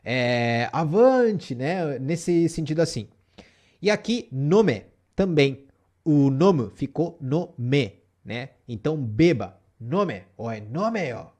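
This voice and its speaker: A man's voice: on the high side, big pitch swings, slow, darkish tone. A man teaching a casual spoken lesson, explaining step by step and checking in with the viewer often. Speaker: Japanese teacher.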